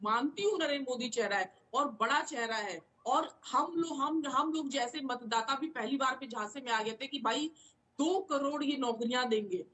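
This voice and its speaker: A high-pitched woman argues her party's case in a televised debate. She pushes point after point, doubling back on words and restarting sentences as she presses on. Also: normal speed, hardly any pauses, sharp tone, poor audio. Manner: argumentative, repeats words and restarts often. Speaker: political party spokesperson. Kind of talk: heated televised political debate.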